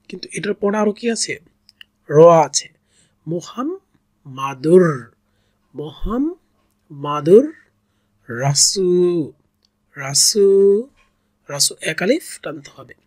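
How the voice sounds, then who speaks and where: Slow, patient syllable-by-syllable reading teacher. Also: medium pitch, big pitch swings, slightly rough, no echo. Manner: sounds out syllables one by one, drawing out vowels; patient, repeats each syllable several times. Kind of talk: step-by-step reading lesson.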